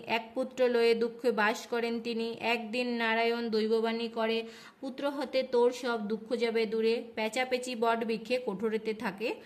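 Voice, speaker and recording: Woman, higher voice, home vlogger; singsong recitation of rhymed prayer verse. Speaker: vlogger performing a home puja. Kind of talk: chanting prayers and reciting a devotional verse tale.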